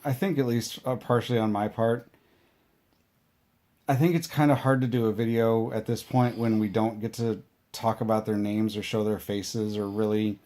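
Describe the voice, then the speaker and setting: A man chatting casually on a family vlog, telling stories in a relaxed, matter-of-fact way. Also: lowish voice, moderate pace. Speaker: adoptive parent, vlogger. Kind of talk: casual chat.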